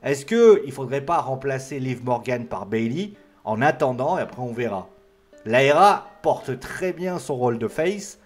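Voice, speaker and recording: A man's voice: mid-range voice, animated, unhurried, faint music behind. A man giving a casual, rambling solo review of a wrestling show, full of fillers and restarts.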